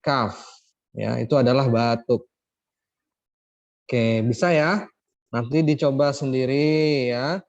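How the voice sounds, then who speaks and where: A man's voice: medium pitch, slow pace, long pauses, darkish tone. A man teaching an online English lesson to children, explaining patiently and checking often that the class follows. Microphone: video call. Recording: dull lo-fi video call audio.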